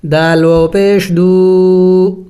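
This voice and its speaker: Tajweed teacher, smooth clear voice, mid pitch, drills syllables slowly and explains rules quickly. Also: level tone, dark tone. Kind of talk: step-by-step recitation lesson.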